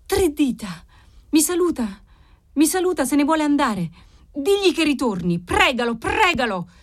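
A woman's voice: sits high, very animated, moderate pace, voice pushed up. A woman voicing a terrified young woman who sees a ghost, trembling, breathless and pleading. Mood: frightened.

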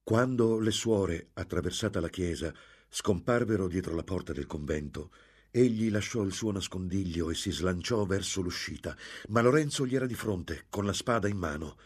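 A man's voice: normal speed, husky. A man reading a story aloud, giving each character a voice. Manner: voices each character with raised pitch and force. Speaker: narrator. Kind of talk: dramatic audiobook reading.

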